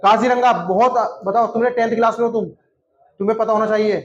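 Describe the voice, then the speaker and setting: High-voiced man teaching an echoey class. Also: fairly even intonation, fast, highs cut off. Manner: drills answers by repetition, quizzes students by name. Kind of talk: classroom lesson.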